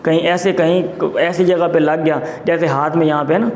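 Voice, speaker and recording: A male teacher gives a classroom lecture. He explains vocabulary term by term, repeating each word slowly. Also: a little high, steady tone, darkish tone, echoey room, slight background noise. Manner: explains words slowly, repeating terms, mixes in Punjabi asides.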